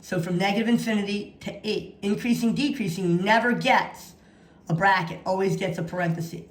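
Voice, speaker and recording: A woman's voice: medium pitch, a little fast. Echoey woman teacher, dictating step by step. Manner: dictates notation piece by piece; repeats key phrases for emphasis. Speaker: math teacher. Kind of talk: instructional walkthrough of practice problems. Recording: echoey room sound.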